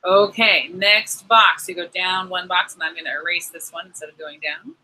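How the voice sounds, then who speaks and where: A woman teacher giving a phonics lesson to young children, sounding out words slowly and encouragingly. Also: on the low side, steady tone, pushed and bright, rough recording. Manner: slow, clearly segmented sounds, encouraging.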